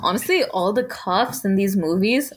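A young woman co-hosting a podcast in casual chat, relaxed, with short agreeing replies and frequent laughter. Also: medium pitch, normal speed, husky.

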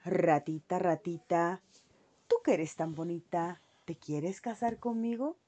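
Woman reading an earnest male dog suitor, lowered voice, children's storybook. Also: takes it slowly, dark tone. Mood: courting.

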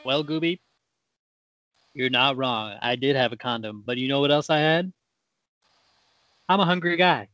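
A man's voice: mid-range voice, moderate pace, long pauses, fairly bright tone, highs cut off, slight background noise, lightly acted. A man playing a brash comic co-host on an improvised talk show, with mock-showbiz patter and emphatic delivery. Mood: cheeky.

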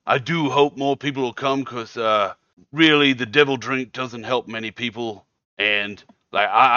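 A man voicing a boisterous, overfriendly leader of an anti-drink protest group, talking loudly and rambling. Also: mid-range voice, clean tone, no echo, muffled recording.

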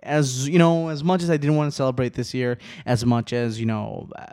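A man's voice: medium pitch, little pitch movement, a little fast, darkish tone, clean tone. A man in his twenties hosting a podcast, rambling casually, swearing a lot and laughing often. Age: 20s. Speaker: podcast host.

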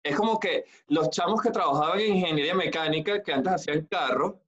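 A man's voice: a little high, brisk, a bit bright. A man co-hosting a podcast in casual chat, joking with crude, playful banter. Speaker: podcast co-host. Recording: dull lo-fi sound.

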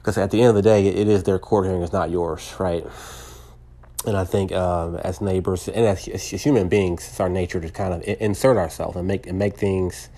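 A man speaking casually and unscripted to his listeners, low-key and halting, often repeating words as he thinks. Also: steady tone, dark tone. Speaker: podcaster sharing personal faith encouragement. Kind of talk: casual, unscripted spoken reflection.

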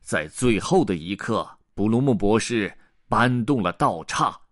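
A man narrating a children's picture book aloud in a lively, expressive way. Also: on the low side, a little slow, dry recording, clean studio sound. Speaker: storyteller.

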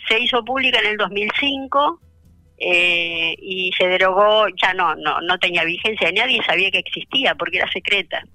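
A woman's voice: mid-range voice, moderate pace, bright, forceful tone, no room sound, rough recording. An older woman with an Argentine accent, speaking in a radio interview, reflective and hesitant with many fillers. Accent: Argentine (Rioplatense). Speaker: interview guest, author. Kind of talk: personal testimony in a radio interview.

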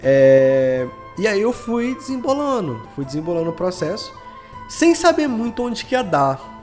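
A Brazilian man who creates and edits audio dramas appears as a podcast guest, chatting informally and with plenty of slang about his creative work. His voice sits high with a sing-song lilt and a darkish tone, at a moderate pace. Soft background music accompanies him.

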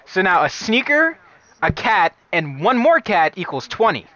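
A man's voice: high-pitched, very animated, unhurried, pushed and bright, no room sound, low-quality recording. A young man with a slangy, playful frat-bro manner, chatting casually and reading puzzles out to his friends. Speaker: riddle reader in a friend group.

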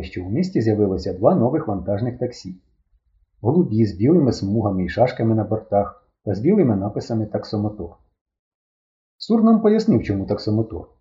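Male storybook narrator, expressive reading, lo-fi recording. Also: mid-range voice. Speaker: audiobook reader. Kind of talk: first-person storybook narration.

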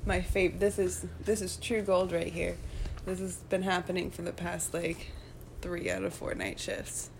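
A woman's voice: on the low side, measured pace, creaky, a little hiss or hum. A woman who works night shifts, chatting casually and acting out customer greetings with lots of laughter. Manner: animated storyteller, laughs often, acts out greetings. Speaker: night-shift store worker. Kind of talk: casual chat.

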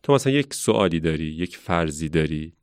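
A man who works as a science educator, telling stories in a relaxed conversational way and thinking aloud as he reflects. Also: extremely low pitch, clean tone, no echo, studio quality. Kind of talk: casual conversational storytelling.

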